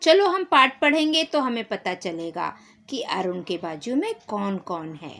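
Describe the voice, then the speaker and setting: A woman teacher with a Marathi-influenced Hindi accent, slowly reading and explaining a school lesson to children, acting out the characters' lines. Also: sing-song, fairly bright tone. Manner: slow, explanatory, acts out character lines with rising pitch.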